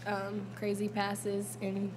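A young woman basketball player answering hesitantly at a press conference, pausing with ums, into a table mic. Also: mid-range voice, monotone, background noise. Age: young adult.

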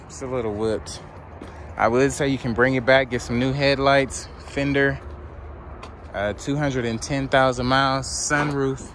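Speaking at a measured pace, this man has a steady, mid-range voice with a slightly bright quality. He films himself on a handheld phone while strolling an outdoor car auction lot, chatting in slang, inviting comments, as lot noise comes through clearly.

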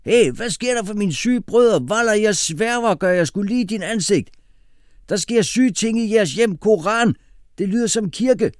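Brash young slang-talker, high and loud; male reader puts him on. Dry booth sound. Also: lively intonation, no echo. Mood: boisterous. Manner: loud, slangy, rapid boasting.

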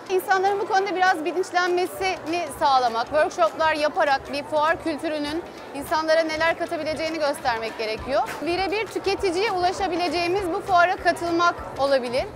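Woman, company representative, formal, high voice, crowded fair hall. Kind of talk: trade fair testimonial. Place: trade fair hall, indoors.

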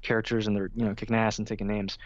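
A young man talking casually as an interview guest, full of "like" and "you know", and lively when he imitates his own narration delivery. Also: on the low side, very fast, dry recording. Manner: filler-heavy, says "like" and "you know" often. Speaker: guest, film video essayist. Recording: dull, lo-fi dry sound.

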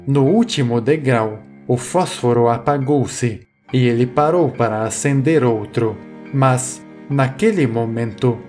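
A man reading a horror story aloud in a measured, suspenseful way, as the channel's narrator. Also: mid-range voice. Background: soft music.

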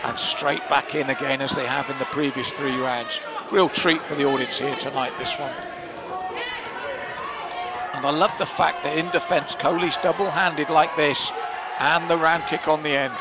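A man with a fairly high, steady voice talks at a moderate pace, giving live ringside commentary on a kickboxing bout. He's analytical and shares his own take on the scoring. Loud crowd and venue noise fill the background of the indoor arena.

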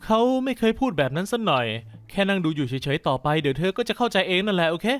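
A man's voice: high voice, animated, no echo. A man voicing a smug nerdy teen boy. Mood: annoyed. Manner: smug, teasing, quick-talking. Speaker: voice actor in a fan dub. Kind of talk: animated story dub.

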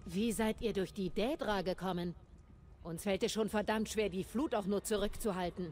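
An actress playing a battle-weary, hearty army captain in a video game, plain-spoken and soldierly. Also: female voice, medium pitch, normal speed, a little mellow, a little hiss or hum, close to an everyday voice. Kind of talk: video game character acting.

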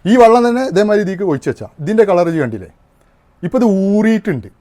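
A man talks through a hands-on demonstration in a relaxed, casual way. His voice sits high for a man. He explains one step at a time and keeps asking whether you have followed. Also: quick pace. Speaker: home arrowroot powder maker demonstrating.

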